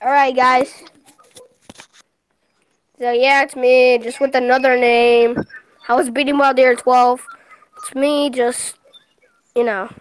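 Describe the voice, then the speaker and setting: A young gaming channel host chatting casually and playfully, with giggles and loud bursts. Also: female voice, high-pitched, little pitch movement, slow, long pauses, clean tone, rough recording. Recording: music playing behind.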